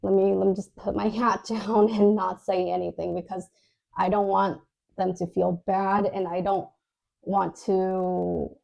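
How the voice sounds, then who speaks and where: Her medium-pitched voice has vocal fry, little pitch movement and a slightly mellow quality, and she's unhurried; the audio is dull. Co-hosting a podcast, she tells her story in a casual, hesitant way with many fillers and restarts, laughing frequently along the way.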